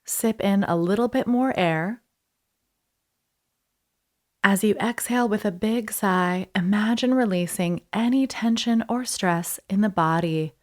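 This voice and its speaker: At a medium pitch, a woman leads a guided breathing meditation. She stays soothing and slow, pausing after each short instruction.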